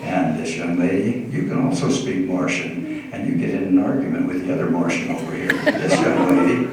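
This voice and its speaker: A man's voice: low voice, a little mellow. A man working as a stage hypnotist, delivering live show patter and teasing his volunteers and audience. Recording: echoey hall, distant mic, noisy.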